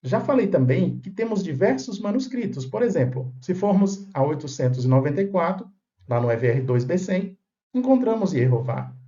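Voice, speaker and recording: A man's voice: sits high, very animated, normal speed, warm tone, dull audio. A man giving a video lesson on old manuscripts, explaining step by step and often checking in with his viewers. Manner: didactic, checks in with "tá?" and "né?". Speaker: Bible manuscript lecturer.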